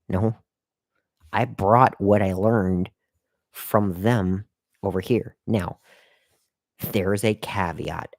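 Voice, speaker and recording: This live-stream host has a lowish, somewhat dark voice, captured cleanly in a studio with no room sound. He rambles through repetitive career advice for his viewers, frequently turning to the chat, and hiccups and burps along the way.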